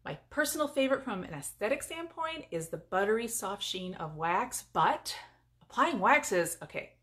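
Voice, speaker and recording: A woman's voice: mid-range voice, big pitch swings, moderate pace, a bit bright. Chatty upbeat woman in her garage. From California. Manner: chatty and upbeat, talking to viewers. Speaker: furniture painter and paint business owner. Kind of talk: casual live-stream demonstration. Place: home garage.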